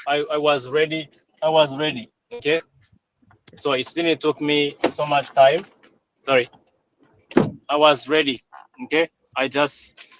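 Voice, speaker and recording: A Rwandan business coach in his thirties, whose first language is French, speaks in a live interview. His fairly high, slightly bright voice comes through lo-fi, and he is hesitant, repeats words and makes slight grammar slips.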